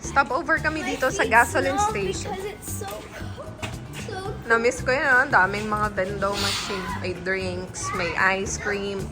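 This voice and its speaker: A woman's voice: medium pitch, a little slow, loud music behind the voice. A Filipino woman with a Filipino accent chatting casually to the camera in a travel vlog, mixing English and Tagalog. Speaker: vlogger.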